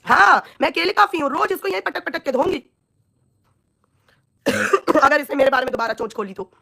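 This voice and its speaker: A woman's voice: high-pitched, animated, moderate pace, creaky, pushed and bright. A woman with a scratchy, coughing throat ranting on a live stream, scolding and insulting a rival in a heated voice. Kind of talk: angry live-stream rant at viewers.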